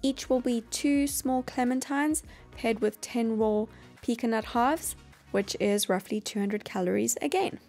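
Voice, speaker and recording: Calm woman explaining meal prep. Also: a little high, unhurried, soft background music. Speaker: cooking channel host. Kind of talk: instructional voice-over.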